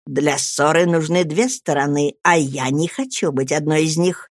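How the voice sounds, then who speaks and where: A sly, falsely humble young man murmurs in a soft, slow, ingratiating voice, as a male audiobook reader puts him on. The recording is close and dry, with no room around the voice. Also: fairly high pitch, steady tone, no room sound. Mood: hushed, reproachful. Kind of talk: audiobook character reading.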